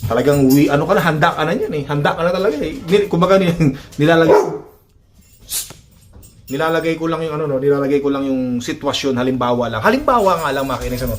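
A man talking casually to his viewers in a vlog on his phone, animated and chuckling, with lots of tag questions. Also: on the high side, quick pace, a little hiss or hum. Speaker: vlogger.

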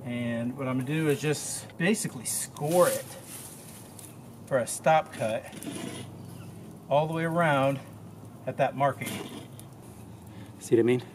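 Relaxed man working in the woods. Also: mid-range voice, measured pace, pauses often, a little hiss or hum. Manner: relaxed, talks to himself while crafting. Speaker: bushcraft vlogger. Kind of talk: casual narration while working. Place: woods outdoors at a campsite.

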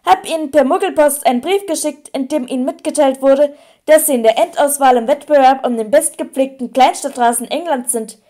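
A woman voicing a cheeky, lively young witch in an audiobook reading. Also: sits high, brisk, lightly acted.

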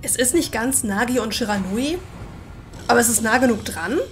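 A woman's voice: fairly high pitch, moderate pace. A woman game streamer chatting casually while she plays live. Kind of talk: casual live gameplay chat. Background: game music.

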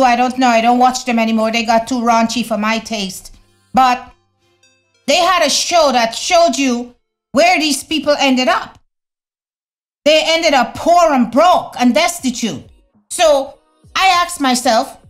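A middle-aged woman talking to camera in a casual opinion vlog at home, animated and conversational with slangy asides. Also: high voice. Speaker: vlogger. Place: home room, indoors. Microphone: fixed camera at desk.

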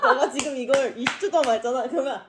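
A woman's voice: sits high, animated, very fast, heavy background noise. A woman in her twenties from South Korea, talking casually and coaching a friend at the table. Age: 20s. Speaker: student vlogger. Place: small room at a dining table.

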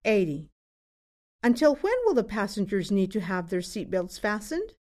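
A woman's voice: mid-range voice, sing-song, moderate pace, a little mellow. Woman, test narrator, scripted exam questions, widely varied intonation.

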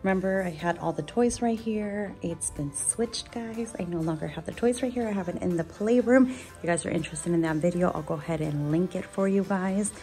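Young female vlogger, low-pitched, rambling casual narration over soft music. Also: brisk. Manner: chatty, rambling asides to viewers. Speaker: cleaning vlogger. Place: home living room.

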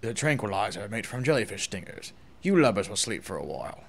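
A man doing a pirate captain voice, reading a game character's lines in a low growling drawl. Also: sing-song, a little fast, gravelly, heavily acted. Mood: gruff. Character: gruff male pirate captain.

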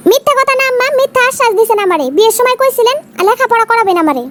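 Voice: lively intonation, very fast, a bit bright, slight background noise. A performer voicing a young bride in a cartoon who pleads to continue her studies. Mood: pleading. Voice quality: high squeaky cartoon pitch. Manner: pleading and complaining. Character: young bride eager to study. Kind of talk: cartoon voice acting.

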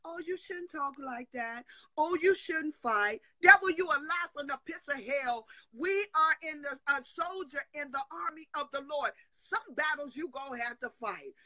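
A middle-aged woman with a high, expressive voice hosts a live prophetic talk stream from a room in her home, delivering fiery, preaching-style talk at a measured pace. Her tone is sharp, full of emphatic declarations and call-and-response asides. The dry recording comes through a webcam on a live video call.

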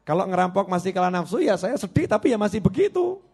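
A man playing a calm, candid repentant robber chief. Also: high-pitched, quick pace, creaky, slightly rough, full character voice.

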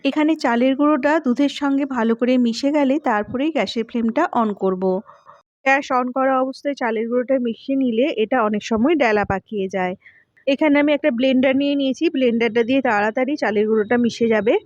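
A woman, host of a cooking channel, calmly narrating a recipe step by step and speaking to her viewers as friends. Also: fairly high pitch, quick pace, no echo, dull audio. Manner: calm, instructive, addresses viewers as friends.

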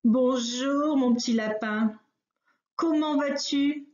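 A woman's voice: sits high, takes it slowly, darkish tone, voice pushed up. A woman doing a hearty, hugging bear. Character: big hearty male bear, overly affectionate. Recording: roomy, slightly dull recording.

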